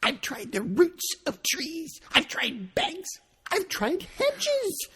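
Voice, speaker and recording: A man reading a storybook aloud, voicing a tearful, accusing female pigeon in a shrill, sobbing way. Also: huge pitch swings, takes it slowly, fairly bright tone, in a large hall, full character voice.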